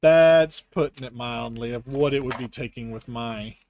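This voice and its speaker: A man's voice: medium pitch, normal speed, a little mellow, a little hiss or hum. Wry Southern man chatting while building. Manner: rambling, self-deprecating, wry. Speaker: live streamer. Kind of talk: casual chat while building a brick set.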